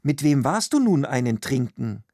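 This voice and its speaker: A man voicing an anxious wife who is hiding a secret, in a slow read-aloud story. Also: mid-range voice, big pitch swings, dark tone, no echo, studio quality. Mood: uneasy. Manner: hesitant, tense.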